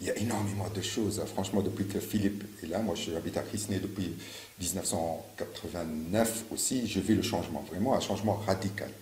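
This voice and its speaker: A man in his fifties from Morocco, a candidate in a local election, answers questions in a campaign interview with many fillers and restarts. His voice is deep, a little fast, and a little mellow. The recording is in an echoey room with faint ambience and a slight hiss or hum.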